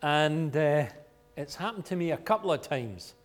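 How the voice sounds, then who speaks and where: A Scottish man giving an informal sermon as a guest speaker, loud, chatty and self-deprecating as he tells stories from his own life. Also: on the high side, lively intonation, normal speed. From Scotland. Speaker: guest speaker at a church gathering.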